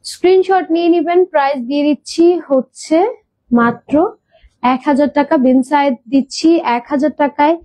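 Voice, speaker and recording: High-voiced woman selling clothes live. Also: fairly even intonation, moderate pace, a little mellow, dry recording, low-quality recording. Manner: chatty, mixes in English words; hesitant fillers, repeats words. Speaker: online clothing seller. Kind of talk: live sales stream.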